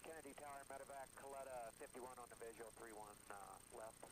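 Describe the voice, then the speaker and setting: A man's voice: mid-range voice, fairly even intonation, a little fast. A man, a pilot speaking over the aircraft radio, giving terse clipped readbacks to the tower. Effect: pilot heard over the aircraft radio. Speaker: airline pilot. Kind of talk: air traffic radio exchange. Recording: noisy radio transmission.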